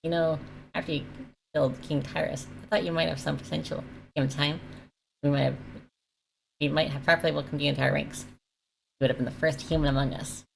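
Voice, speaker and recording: A woman voicing a haughty elf lord villain from a video game, condescending and smugly fanatical in measured speech. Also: low-pitched, level tone, creaky, poor audio. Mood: disappointed, condescending. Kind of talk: reading video game dialogue aloud. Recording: faint background noise.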